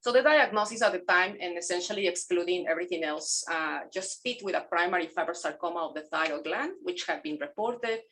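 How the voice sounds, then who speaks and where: A middle-aged Mexican woman, a native Spanish speaker, presents a pathology case over a video call. Her voice is lowish and fairly bright, with lively intonation, and she halts often with fillers and self-corrections.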